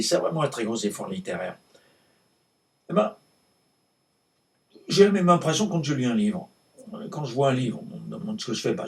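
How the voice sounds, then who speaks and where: A male actor playing a cantankerous, world-weary French novelist in a hammy, halting, emphatic stage monologue with a gravelly voice. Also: medium pitch. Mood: disdainful. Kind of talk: theatrical monologue performed in a conversational ramble. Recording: distant microphone.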